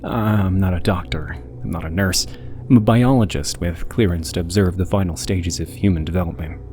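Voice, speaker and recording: A man narrating a scripted scary story in the first person, in a low, haunting, hushed voice. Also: moderate pace. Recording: music behind the voice. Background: music.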